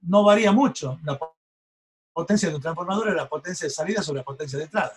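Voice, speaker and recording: A male university lecturer teaches an engineering class. His voice sits high for a man and has a husky edge. He explains step by step and often pauses to check that the students are following. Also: poor audio. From Argentina.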